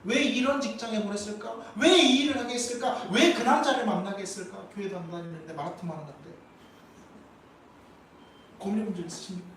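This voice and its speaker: A man's voice: high-pitched, expressive, quick pace, few pauses, fairly bright tone. A man preaching a Sunday sermon as pastor, emphatic and full of rhetorical questions, in a church sanctuary. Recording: echoey church hall, from far off, faint noise.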